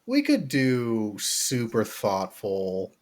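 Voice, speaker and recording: A man's voice: mid-range voice, huge pitch swings, very slow, crowd noise. A man co-hosting a podcast in casual, crude banter, full of fillers and jokes. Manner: crude, joking, many fillers. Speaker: podcast co-host.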